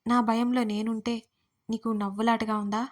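A woman's voice: fairly high pitch, little pitch movement, moderate pace, close to an everyday voice. Woman voicing a fretful, whiny young woman. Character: anxious young woman before an arranged meeting.

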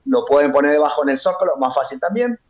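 A man's voice: fairly high pitch, animated, fast, darkish tone, dull audio. A middle-aged Argentine man, a puppeteer and cultural manager, chatting enthusiastically as a guest on a TV interview. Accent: Argentine Spanish. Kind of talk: TV interview, promoting a festival.

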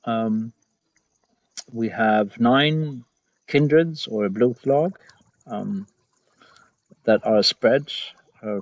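A middle-aged man with a Swedish accent, in English and halting German, searching for words as he gives an informal speech on a video call. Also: on the low side, a little mellow, no room sound. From Sweden. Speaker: representative of a heathen organization. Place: garden, outdoors. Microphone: video call, close webcam. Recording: dull video-call audio.

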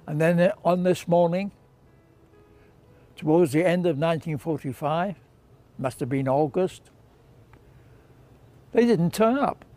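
Sitting outdoors on a bench by a car park, a war veteran in his nineties who was once a prisoner of war reminisces in an interview, speaking in short phrases and often repeating himself. His voice is on the high side and warm, and he talks slowly with long pauses while soft music plays in the background.

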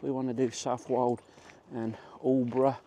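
This is a casual walk-and-talk from a middle-aged vlogger in a country park. His medium-pitched voice is mellow with a flat delivery and moderate pace, and faint outdoor ambience sits behind it.

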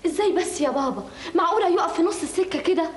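A pleading, high-voiced Egyptian daughter. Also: female voice, expressive, very fast. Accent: Egyptian Arabic. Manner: soft, pleading. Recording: long reverb.

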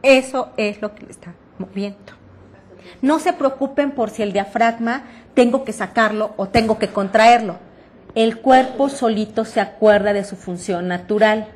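A woman's voice: fairly high pitch, normal speed, darkish tone. A woman teaching a reading-aloud workshop with a Mexican Spanish accent, explaining breathing and projection patiently and often checking that her class understood. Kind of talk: voice projection lesson.

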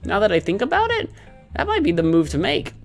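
Brisk and creaky, this host's high voice swings hugely in pitch as the thirty-something streamer offers goofy, playful let's play musings. The close desk mic of his webcam stream also catches faint game music.

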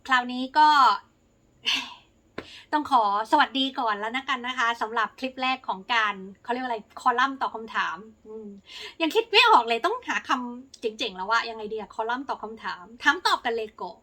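A young woman from Thailand answering viewer questions in a casual, polite vlog, with lots of soft fillers. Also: a little high, expressive, a little fast.

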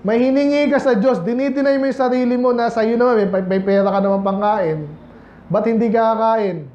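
A Filipino pastor delivers a casual, conversational sermon to his congregation in a church sanctuary, often posing rhetorical questions. His voice is very high-pitched and darkish in tone, with fairly even intonation and a slightly fast pace. The recording has the echo of a church hall and sounds slightly dull.

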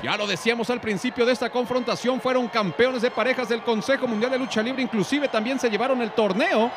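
A man with a Mexican Spanish accent delivering florid, theatrical, excited lucha libre wrestling commentary. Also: extremely high pitch, fast. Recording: noisy arena behind the voice.

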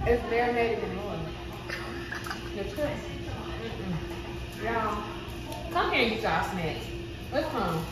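A woman's voice: mid-range voice, lively intonation, takes it slowly, pauses often. A woman in her thirties chatting playfully and expressively in a casual travel vlog, filmed on a handheld phone. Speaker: vlogger. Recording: echoey spot with loud music.

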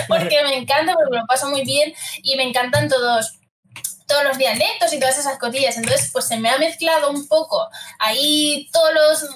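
A young woman from Spain talks casually as a guest on a streamer chat, her voice sitting high and bright. Her Spanish accent mixes several regions, and she laughs often and strings her thoughts with fillers. A faint noise hums behind her. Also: moderate pace. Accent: Spanish, mixed Madrid, Zaragoza and Andalusian traces.

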